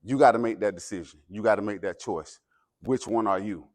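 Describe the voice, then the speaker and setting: A fairly low-pitched American man talks fairly quickly as a guest motivational speaker firing up a team before the game. His emphatic, sermon-like delivery climbs from calm conversation to loud exhortation.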